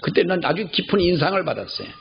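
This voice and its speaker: An older male pastor delivers a sermon in a gravelly, creaky voice, telling anecdotes and hammering home key phrases by repeating them. The recording sounds slightly dull, with faint noise underneath. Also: high-pitched, lively intonation, fast. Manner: storytelling, emphatic repetition of key phrases. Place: church.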